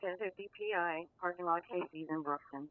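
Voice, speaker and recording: A woman's voice: lowish voice, a little fast, no echo. A woman working as an emergency dispatcher, giving clipped, repeated ambulance and fire calls over a two-way radio. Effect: two-way radio transmission. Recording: tinny narrowband scanner radio audio.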